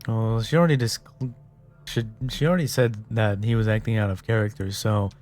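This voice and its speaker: A man's voice: on the low side, fairly even intonation, a little fast, darkish tone, soft background music. A man giving casual, rambling gameplay commentary as he muses aloud. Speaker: gamer.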